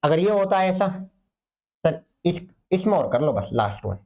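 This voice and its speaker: High-voiced chemistry teacher coaxing students. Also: male voice, sing-song, normal speed, darkish tone. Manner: coaxing, asks questions then answers himself. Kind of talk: online exam-prep lecture.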